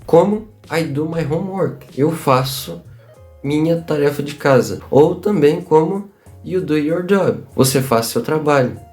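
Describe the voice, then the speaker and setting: A Brazilian man giving a casual online English lesson, upbeat and chatty, slowly repeating examples. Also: on the high side, a little mellow, faint music behind. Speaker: English teacher.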